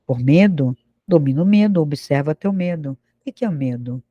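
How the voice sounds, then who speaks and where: A man's voice: fairly high pitch, expressive, moderate pace, no room sound, muffled recording. A man with a Brazilian accent giving a spiritual lecture, firing rhetorical questions at his listeners and acting out the excuses of imagined people. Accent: Brazilian Portuguese. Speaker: spiritual teacher.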